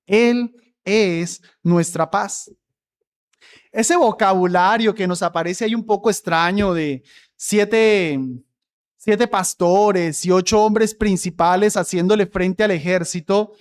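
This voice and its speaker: A man's voice: high-pitched, slow, clean tone. A man preaching a sermon as pastor, emphatic, stretching key words and repeating phrases for emphasis.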